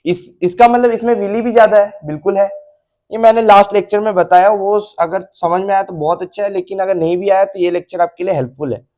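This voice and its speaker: A man's voice: high-pitched, fairly even intonation, quick pace, mellow. A male biology teacher lecturing at a board, mixing Hindi and English, repeating key terms and checking that students follow.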